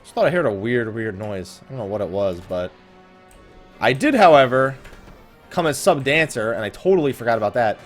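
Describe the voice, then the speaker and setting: Speaking a little fast with big swings in pitch, this mid-range male voice belongs to the host of a gaming let's play series. He keeps the commentary casual, full of swearing and sarcastic griping, with faint music in the background.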